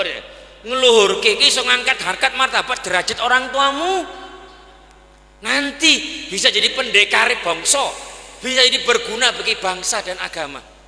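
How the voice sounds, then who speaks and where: A man's voice: very high-pitched, pushed and bright. A man preaching a sermon in a folksy, conversational way, often asking the audience to agree. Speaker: Islamic preacher. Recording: echoey hall with long reverb.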